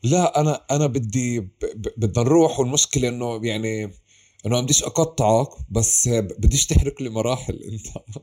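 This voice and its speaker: A man's voice: mid-range voice, quick pace, dark tone. A man with a Palestinian Arabic accent interviewing casually, rambling and restarting his questions mid-thought.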